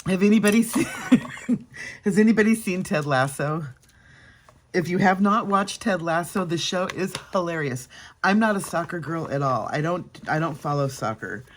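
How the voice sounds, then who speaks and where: A woman chatting casually to her viewers while doing her makeup, laughing often and dropping into soft asides. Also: low-pitched, a little hiss or hum. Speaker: makeup vlogger. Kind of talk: casual makeup vlog chat.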